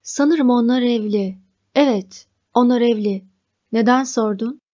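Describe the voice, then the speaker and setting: A woman reading as a vague, offhand wife, slow. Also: a little high, mellow, highs cut off, close to an everyday voice.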